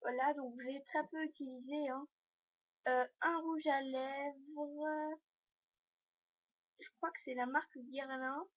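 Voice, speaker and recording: In a dull, lo-fi home video, a teenage girl presents items to viewers in a casual fashion vlog, rambling and hesitant. Her high voice stays steady, and she takes it slowly with frequent pauses.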